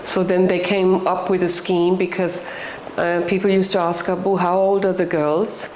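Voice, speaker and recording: An older woman with a British accent, talking reflectively about her own life in an earnest, halting way, repeating words for emphasis. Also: on the low side, little pitch movement, a little mellow. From England. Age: older, around 60. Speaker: interviewee. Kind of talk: reflective personal conversation. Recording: echoey room with faint background noise.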